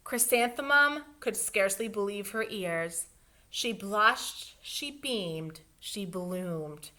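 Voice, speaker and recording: A woman teacher reading a children's storybook aloud expressively, pausing to explain things to young listeners. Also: medium pitch, lively intonation, sharp tone.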